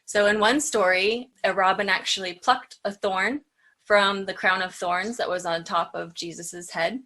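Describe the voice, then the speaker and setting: A woman's voice: medium pitch, fairly even intonation, a little slow, sharp tone. A woman hosting an educational show, telling folklore in a chatty, casual way with light asides. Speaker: show host.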